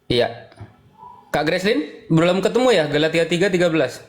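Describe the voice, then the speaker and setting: Calm Indonesian man in debate. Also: on the high side, normal speed. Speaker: debate panelist. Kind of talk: casual debate talk on a call.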